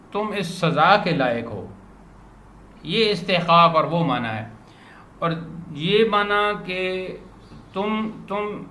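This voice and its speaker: A man teaching a grammar lesson to a student, patiently repeating words slowly as a drill. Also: a little high, bright, forceful tone. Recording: roomy echo, faint background noise.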